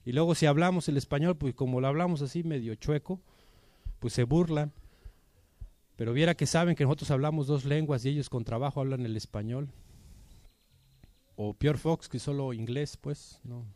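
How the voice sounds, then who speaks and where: Mellow Mexican man giving a rousing speech. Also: mid-range voice, moderate pace, pauses often, dry recording. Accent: Mexican Spanish. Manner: colloquial and persuasive, full of rhetorical questions. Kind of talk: informal political speech to an assembly.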